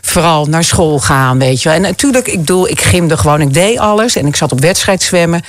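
A woman hosts a relaxed conversation and tells stories with lots of life, her pitch climbing and dropping freely as she speaks. The sound is close and dry, with no room around it. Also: fairly quick, dry recording. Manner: animated storytelling, acts out voices with big pitch jumps. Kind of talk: casual conversation.

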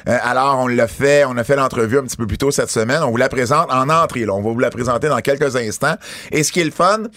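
A man's voice: medium pitch, fast, fairly bright tone, no echo. Man co-hosting a podcast. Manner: talkative, many fillers and restarts. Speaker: podcast co-host. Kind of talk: casual podcast chat.

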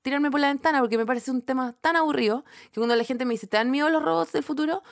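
Chilean woman, casual podcast chat, sardonic, stumbling restarts, higher voice. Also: fast talker. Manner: rambling, stammering restarts, sardonic. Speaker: podcast co-host; comedy writer and stand-up.

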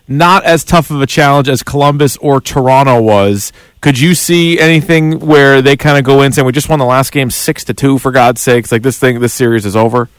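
A man's voice: a little high, clear, resonant tone, no room sound, poor audio. A man co-hosting a sports radio show, asking questions in a conversational, jokey way. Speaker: radio co-host.

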